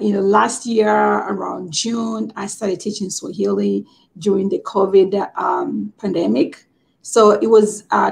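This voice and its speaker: A woman's voice: mid-range voice, vocal fry. A middle-aged woman from Tanzania, a teacher, answering interview questions over a video call in a friendly, easygoing way. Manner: friendly, easy laughs, many you-knows. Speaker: guest, teacher.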